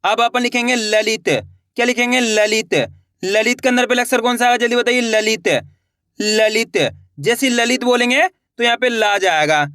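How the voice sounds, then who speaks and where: A man's voice: extremely high pitch, fairly even intonation, moderate pace, pushed and bright, clear, resonant tone, no room sound, studio quality. A man teaching beginners to write words step by step, repeating each word and asking the viewer questions. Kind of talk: slow spelling lesson for beginners.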